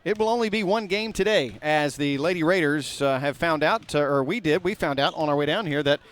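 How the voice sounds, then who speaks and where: A man's voice: fairly high pitch, a little fast, fairly bright tone. Folksy man calling a basketball game. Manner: folksy, rambling, talks to viewers directly. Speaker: play-by-play announcer. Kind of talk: high school basketball commentary. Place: small school gymnasium.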